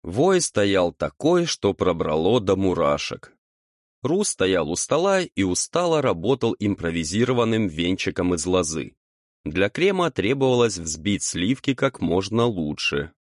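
A man reads a fantasy audiobook in a fairly low voice with a lively, varied intonation. The sound is close and dry. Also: unhurried, dry recording. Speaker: narrator. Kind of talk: audiobook narration.

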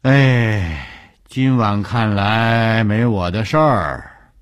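Brief: gruff frail old morgue keeper, a man putting him on, blunt grumbling, raised and loud in a radio horror tale. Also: lowish voice, lively intonation, extremely slow, voice pushed up. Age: older.

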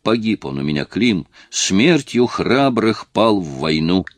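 A man's voice: sits low, sing-song, a little slow, dry recording, full character voice. A man voicing a nervous, drunk middle-aged factory worker who wheedles and pleads. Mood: tearful pleading. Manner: whining, wheedling, then pleading.

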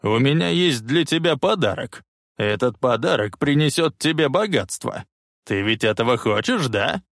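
A man voicing a wheezing, cranky old man who talks in a bossy, insistent way and turns shrill when angry. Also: lively intonation, moderate pace, a bit bright, no echo, studio quality.

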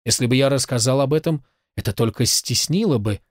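A man reading the lines of a gentle, self-effacing old man in a storybook, low and subdued. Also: brisk, no room sound, studio quality, natural voice. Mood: quiet, humble.

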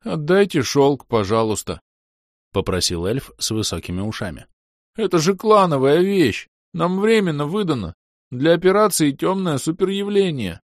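A man voicing a squeaky, indignant young male elf in an audiobook. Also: sing-song, normal speed, no room sound, studio quality. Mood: pleading. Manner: shrill, pleading.

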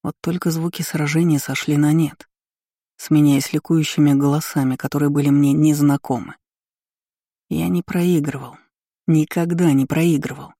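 A man reading a first-person adventure novel aloud, steady and dramatic in delivery. His voice is mellow and dark, and the recording is close and dry, with no room sound. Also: on the high side, normal speed, dry recording. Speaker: audiobook narrator. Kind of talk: scripted first-person narration.

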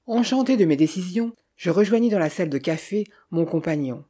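A steady audiobook reading of an old detective novel, told in the first person. The voice is mellow and dark in tone, with a husky texture. The pitch sits in a middle range, and the delivery stays measured. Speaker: audiobook narrator. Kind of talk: scripted first-person narration.

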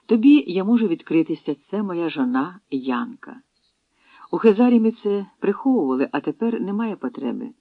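A man's voice: high-pitched, very animated, moderate pace, gravelly, dry recording, pitched above the performer's own voice, heavily acted. A man voicing an earnest, emotional young escaped warrior, on a tinny phone-like recording. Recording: tinny phone-like dry sound.

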